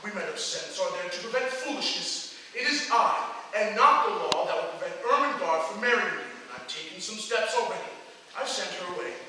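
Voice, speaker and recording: A teenage boy acting a gruff, pompous old merchant in a school stage play, bossy and blustering. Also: high voice, animated, brisk. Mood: stern. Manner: blustering, bossy, shouts in bursts. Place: large auditorium stage. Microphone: far camera in the audience. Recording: echoey hall from far off, noisy.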